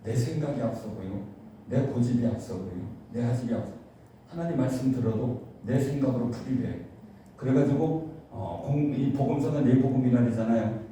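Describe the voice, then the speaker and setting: A male pastor preaching a sermon in a church, animated, with his voice rising to fervent cries when he acts out prayers. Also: mid-range voice, normal speed. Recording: echoey church hall from far off, faint hiss.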